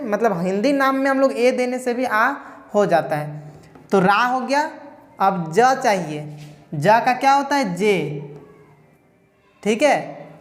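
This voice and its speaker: A woman's voice: a little high, big-room sound. A woman teaching a spelling lesson, explaining step by step, answering her own questions and checking in with a repeated "okay". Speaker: English teacher.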